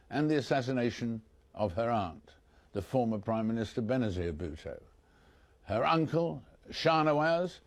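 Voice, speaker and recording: A man's voice: medium pitch, a little mellow. A male interviewer who introduces his guest and asks long questions, often repeating words as he frames them. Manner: hesitant, repeats words while framing questions. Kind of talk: broadcast interview.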